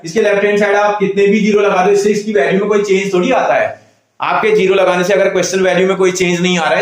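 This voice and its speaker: A man's voice: high voice, recorded from a distance. A man teaching a maths lesson, patiently counting aloud and talking to the student as if to a child. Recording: echoey room, voice away from the mic.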